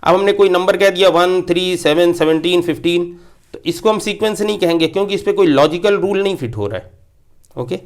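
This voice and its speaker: A man's voice: high-pitched, brisk. A man giving a patient maths lecture who repeats key points and mixes English terms into his explanation. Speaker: maths teacher. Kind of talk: classroom lecture.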